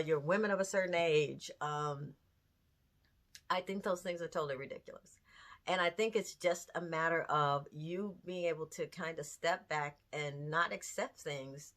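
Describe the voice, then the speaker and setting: Earnest woman in her fifties, lower voice. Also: a bit bright. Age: 50s. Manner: earnest, conversational, emphatic with rhetorical questions. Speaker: host. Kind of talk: candid talk to camera.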